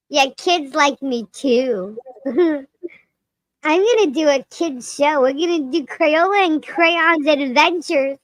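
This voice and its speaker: A woman voicing a cheeky, crude, childlike lemur puppet with a loud, sharp, piercing voice, in improvised comedy. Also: high voice, slow, long pauses, no echo, poor audio. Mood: gleeful, cheeky. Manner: playful, giggly, potty-mouthed. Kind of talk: improvised live-stream character comedy.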